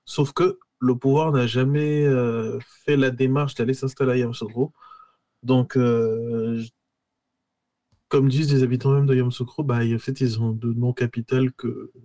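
A man's voice: mid-range voice, little pitch movement, moderate pace, dark tone, no echo. A man from Côte d'Ivoire, a podcast guest, explaining in an easygoing way with many fillers. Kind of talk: casual interview.

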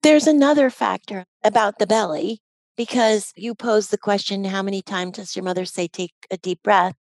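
A woman's voice: medium pitch, moderate pace, a little mellow, dry recording. A woman hosting a conversational interview, speaking reflectively from her own experience. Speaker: host.

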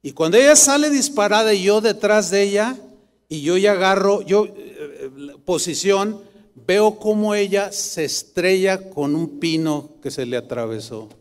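Middle-aged male pastor, higher voice, emphatic sermon delivery, long hall reverb. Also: unhurried. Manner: animated preaching, rising to emphatic bursts.

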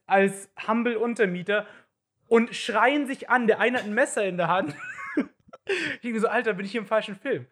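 A man's voice: sits high, a bit bright. A man hosting a casual chat, talking in a teasing, chatty way and often tagging on "ne?".

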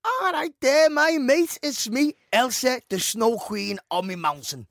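Snow queen but she's a matey slangy lad, man doing it, voice bumped up high, dry close mic. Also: animated, measured pace, a bit bright, dry recording, heavily acted. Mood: chummy. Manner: matey, slangy, offhand banter. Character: Snow Queen played as a chummy working-class lad.

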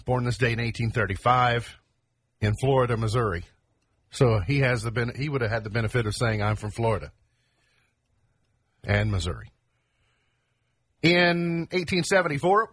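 Male radio co-host, husky, casual banter. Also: medium pitch, lively intonation, normal speed, a bit bright, dry recording. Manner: reads almanac items, then riffs. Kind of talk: casual morning radio chat.

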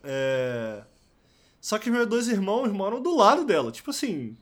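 High-voiced chatty young man. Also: huge pitch swings, a little slow. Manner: chatty, storytelling, frequent slang fillers. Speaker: podcast guest. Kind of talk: casual chat.

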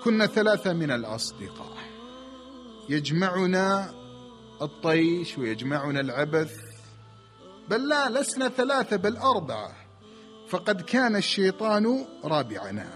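High, expressive man telling a moving story. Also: normal speed, long pauses, soft background music. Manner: emotional, swings from hushed to loud cries. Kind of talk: dramatic religious story narration.

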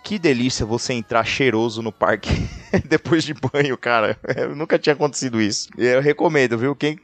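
A man's voice: mid-range voice, a little fast, no room sound, faint music behind. A Brazilian man hosting a podcast, telling a travel story in casual chat, peppering his talk with fillers like cara and né. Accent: Brazilian Portuguese. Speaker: podcast host.

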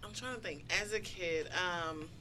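A woman's voice: lowish voice, moderate pace, sharp tone, slight background noise. A woman guest, a therapist, teasing and chatting casually on a podcast. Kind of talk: casual chat.

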